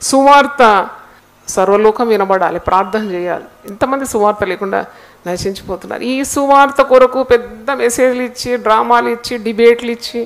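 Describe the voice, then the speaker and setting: A woman with a Telugu accent preaching a sermon, urging her congregation with rhetorical questions and swinging between loud exhortation and hushed low passages.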